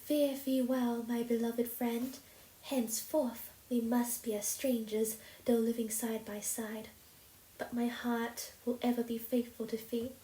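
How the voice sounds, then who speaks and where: A woman voicing a dramatic, romantic young orphan girl who speaks in high-flown, theatrical phrases. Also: steady tone, moderate pace, mellow, natural voice. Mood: solemn. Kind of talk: storybook reading. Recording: roomy echo.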